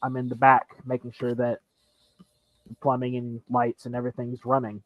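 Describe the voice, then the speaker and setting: A man as a guest in a casual conversation, polite and measured. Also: mid-range voice, monotone, no echo, dull audio.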